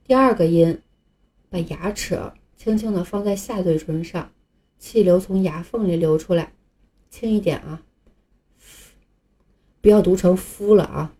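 Patient woman teaching in a dark voice. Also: lowish voice. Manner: patient, clear explanations with drawn-out example sounds. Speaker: English teacher. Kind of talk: recorded lesson for beginners.

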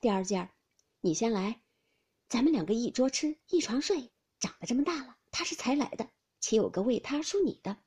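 A woman doing a soft, coaxing young nobleman. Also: a little high, animated, fairly quick, slightly rough, pitched above the performer's own voice. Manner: soft, pleading, half-whispered.

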